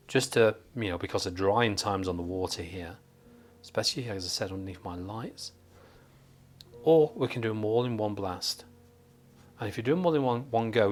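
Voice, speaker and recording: Under studio lights at his desk, a northern English man paints in a live watercolour tutorial. His voice sits at medium pitch, and he keeps up a joking, chatty stream of thought while he paints.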